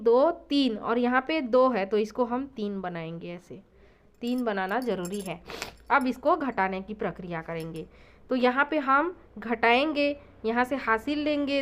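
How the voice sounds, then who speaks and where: A woman's voice: sits high, fairly bright tone. A woman math teacher, explaining a classroom lesson and counting digits aloud as she goes. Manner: counts digits aloud, checks in with "thik hai". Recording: dull lo-fi recording.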